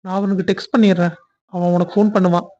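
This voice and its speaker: A man's voice: sits high, flat delivery, fast, warm tone, lo-fi sound. A man voicing the husband in a cartoon family story, talking sweetly on the phone and then fretting to himself.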